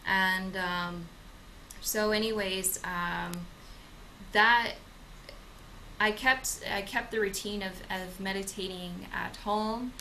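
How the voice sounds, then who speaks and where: A woman's voice: medium pitch, fairly even intonation, slow pace, sharp tone, slight background noise, low-quality recording. A young woman co-hosting a channel, introducing herself in casual talk with many hesitant fillers and restarts. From Okinawa, Japan; grew up in the United States. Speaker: channel co-host. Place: home in Madrid.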